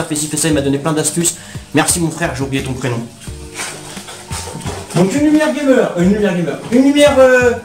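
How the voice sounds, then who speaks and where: A man's voice: high voice, roomy sound, rough recording. A young man casually unboxing gadgets for his viewers, talking in street slang and calling them brothers. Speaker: YouTuber.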